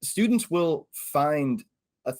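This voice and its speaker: A man's voice: on the high side, animated, slow pace, a little mellow, no echo. A man hosting a casual podcast conversation, friendly and conversational with a few fillers. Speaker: podcast host.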